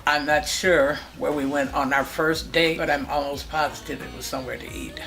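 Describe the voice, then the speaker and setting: A woman in her sixties from California looks back on her family life in a personal reminiscence, listing dates and names one after another as an interviewee. Her voice is deep and a bit bright, with fairly even intonation at normal speed. Music plays in the background.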